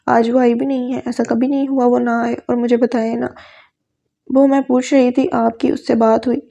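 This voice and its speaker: A woman's voice: a little high, little pitch movement, vocal fry, warm tone, lo-fi sound. Woman reading as a worried young student. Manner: polite, hesitant.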